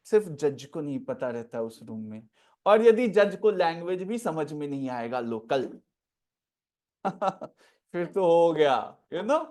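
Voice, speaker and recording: A middle-aged man, a former judge teaching law in an unhurried classroom lecture full of anecdotes and questions to the class. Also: a little high, very animated, darkish tone.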